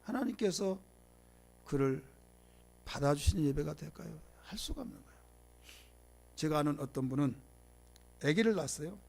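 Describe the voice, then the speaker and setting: Korean pastor preaching with loud swings. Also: male voice, on the high side, expressive, moderate pace, vocal fry, pauses often. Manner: call-and-response preaching, asks the congregation to repeat; loud bursts of emphasis swinging to quiet asides. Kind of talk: sermon lecture.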